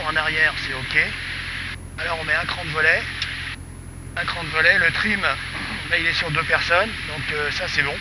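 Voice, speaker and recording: Fairly high-voiced man on a pilot headset. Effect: pilot headset intercom. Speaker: pilot being familiarised with the aircraft. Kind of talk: casual checklist talk while flying. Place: small light aircraft cockpit in flight. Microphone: aviation headset. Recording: headset intercom, very loud engine noise.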